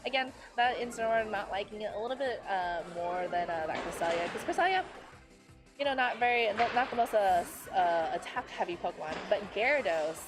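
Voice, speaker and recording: A woman's voice: mid-range voice, lively intonation, music in the background. A woman giving live play-by-play commentary on a competitive game, chatty and full of fillers, tired and losing her voice. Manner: chatty, filler-heavy, quick self-corrections. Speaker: esports commentator.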